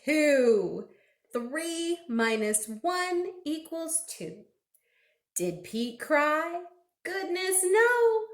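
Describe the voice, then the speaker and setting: Female storytime reader, high register, very measured pace, expressive and interactive delivery for small kids, roomy echoing sound. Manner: animated, slow and deliberate questioning with exclamations. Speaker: children's librarian reading picture books at storytime. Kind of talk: interactive read-aloud for young children, with sung refrains.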